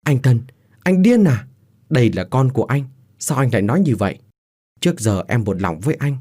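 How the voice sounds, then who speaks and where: A man's voice: medium pitch, animated, brisk, mellow, natural voice. A man voicing an anguished young wife. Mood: pleading. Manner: pleading, anguished. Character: young wife, battered, desperate.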